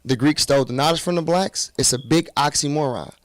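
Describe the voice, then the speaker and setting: A man arguing forcefully on a group podcast, insisting and repeating himself to hold the floor. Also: fairly high pitch, fairly quick. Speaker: podcast co-host. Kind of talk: heated group debate.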